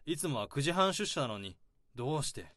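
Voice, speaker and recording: In radio drama acting with narration, a man plays an overworked, nervous office drudge hiding a secret, moving between flustered dialogue and tense first-person inner monologue. His medium-pitched voice swings widely, runs fairly quick and fairly bright, on a dry, clean studio recording.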